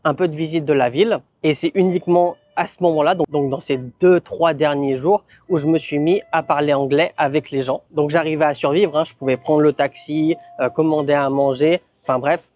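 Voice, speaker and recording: A man narrating a casual vlog in a relaxed, chatty way, often dropping in fillers and tag words. His voice sits a little high for a man. The sound is dry and close. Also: normal speed, hardly any pauses, dry recording. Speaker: vlogger.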